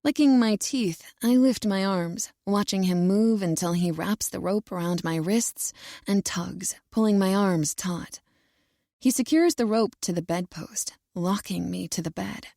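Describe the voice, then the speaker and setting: A woman narrates a first-person romance audiobook with a gravelly, creaky texture. She reads slowly and evenly, in a dry, close studio sound. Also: medium pitch, mellow, dry recording.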